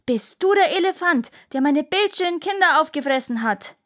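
A woman's voice: sits high, expressive, moderate pace, fairly bright tone, pitched above the performer's own voice. A woman voicing a brave, determined mother in a folktale, speaking firmly. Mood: searching.

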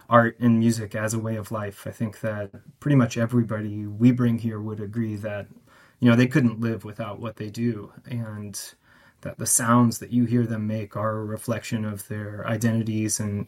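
A man's voice: fairly low pitch, a little mellow. A man, a music festival curator, speaking as a guest on a radio interview, thoughtful and hesitant with many fillers.

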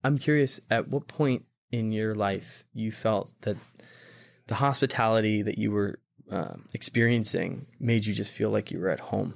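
A man's voice: fairly low pitch, normal speed, gravelly. A man hosting a podcast interview, asking curious and encouraging conversational questions. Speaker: podcast host.

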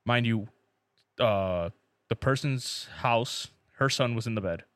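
A man's voice: mid-range voice, slow, fairly bright tone, no room sound, clean studio sound. A man telling bawdy stories casually among friends, slangy and sweary, often saying bro and dude. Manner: slangy, profane, peppers talk with "bro" and "dude".

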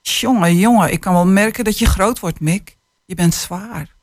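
Woman narrator voicing a tired dad, soft-spoken and short of breath, dry close mic. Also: mid-range voice, normal speed, dry recording, lightly acted. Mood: weary gentle. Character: tired, breathless father on a bike ride.

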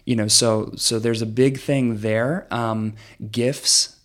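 Chatting as a guest, this young adult man describes his social media business in a loose, chatty way, sprinkling in lots of fillers like "um" and "you know." He speaks at a medium pitch with fairly even intonation, at a slightly slow pace.

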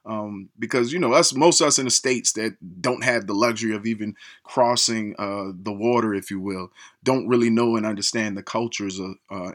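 A man's voice: lowish voice, a bit bright. A man hosting a radio interview show, hyped up and rambling through long questions full of fillers.

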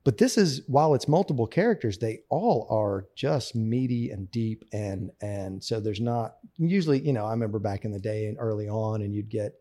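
A guest actor chats eagerly in a casual interview, frequently restarting sentences and laughing between thoughts. His voice is lowish and warm, with lively intonation, a moderate pace and few pauses.

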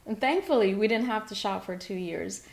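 A woman in her thirties from Guyana, guesting on an interview about her real estate work. She talks quickly and energetically, restarting phrases as she goes, in a mid-range voice. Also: mid-range voice, darkish tone.

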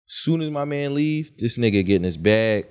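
A man's voice: mid-range voice, normal speed, clear, resonant tone. A man in his twenties, a podcast co-host telling stories in casual chat and acting out what people said. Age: 20s. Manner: animated storytelling, acts out quotes.

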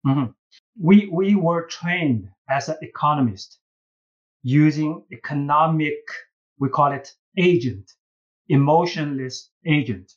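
A higher-voiced man from China with a Chinese accent, a business school professor and case writer, gives interview answers as a podcast guest. He's earnest and halting, repeating words and often closing points with "right?", and the recording's highs are cut off.

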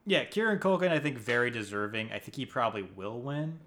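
A man hosting a casual chat about TV awards, earnest and quick to laugh, with hesitant fillers. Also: mid-range voice, lively intonation, fairly bright tone, a little hiss or hum. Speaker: podcast host.

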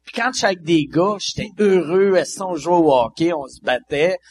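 A man with a Québécois French accent, reminiscing in casual chat with an expressive delivery. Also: a little high, brisk, slight background noise. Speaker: podcast guest.

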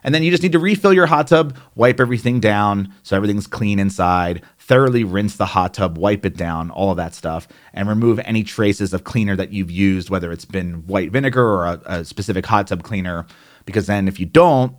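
A man with a New Jersey accent talks through care steps in a casual explainer style. His voice sits a little on the low side, and his delivery is plainspoken and chatty, with the odd aside thrown in. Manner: conversational, plainspoken, with asides and fillers. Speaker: hot tub care instructor. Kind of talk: instructional explainer.

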